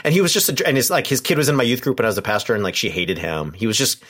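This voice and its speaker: Animated man in his forties. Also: medium pitch, very fast. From Southern California. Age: 40s. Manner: animated storyteller acting out quoted voices. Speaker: professor and former pastor. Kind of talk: casual podcast conversation.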